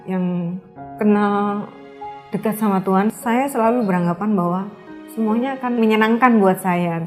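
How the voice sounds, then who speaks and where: A middle-aged woman, a bereaved mother, telling her testimony with emotion, her voice swinging from soft to loud pleading. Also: medium pitch. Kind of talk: testimony interview.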